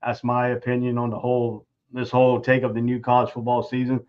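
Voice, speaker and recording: A man's voice: mid-range voice, completely flat delivery, fairly quick. Guest analyst, man, loose talker, muffled lo-fi sound. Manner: loose, repeats and restarts phrases. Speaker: guest sports commentator. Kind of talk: casual sports analysis. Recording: dull lo-fi audio.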